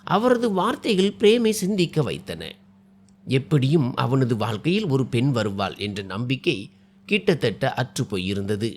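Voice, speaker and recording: A man narrating a story in a scripted, dramatic way. His pitch is mid-range but sweeps widely from low to high. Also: very animated, normal speed.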